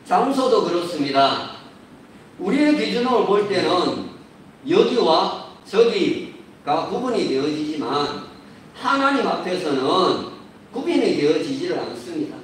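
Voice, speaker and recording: A man preaching a sermon as a pastor, measured and building to emphatic points, recorded in a church sanctuary. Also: high-pitched, very animated, a little hiss or hum. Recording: roomy echo, distant mic.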